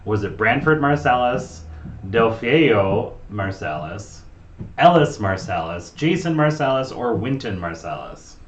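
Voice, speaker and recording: A man's voice: fairly low pitch, big pitch swings, a little slow. Joking man reading trivia in a roomy space. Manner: dry joking, reads questions with a flourish. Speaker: trivia host. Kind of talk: casual banter reading trivia questions. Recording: dull roomy sound with faint hiss.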